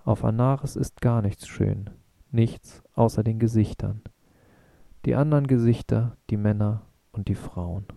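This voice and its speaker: A man voicing a grave, earnest young man from the moon, with a low, gravelly, very dark voice. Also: unhurried, no room sound. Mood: bitter, impassioned.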